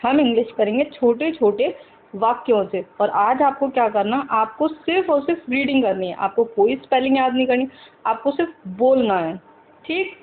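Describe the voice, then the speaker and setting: Lady teacher doing a spoken english lesson, kinda high voice, slow, asks questions a lot, sounds like a phone line. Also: animated, slight background noise. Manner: slow, repeats example sentences several times; keeps asking the viewers questions.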